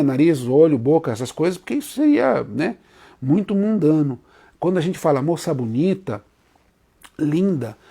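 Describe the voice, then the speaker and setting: Soft-spoken Brazilian spiritual teacher, mellow tone. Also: male voice, fairly high pitch. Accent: Brazilian Portuguese. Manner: devotional, sings chant verses in a rising voice; speaks softly and tenderly to viewers, calling them daughter. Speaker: Umbanda spiritual leader hosting a live stream. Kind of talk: religious teaching with sung chants.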